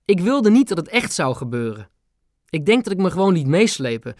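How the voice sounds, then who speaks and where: A man's voice: high voice, very animated, a little fast, no echo, studio quality, voice pushed up. A man voicing an elderly grandmother who is devoted to her grandson. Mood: tender. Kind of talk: audiobook character voice.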